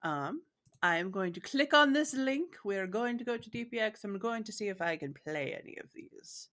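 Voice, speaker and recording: Chatting casually with a co-host on her podcast, a woman from Michigan speaks in an expressive, medium-pitched voice that's bright, clear, and forward. She talks loosely, laughs frequently, and uses "um" and "like" to fill pauses.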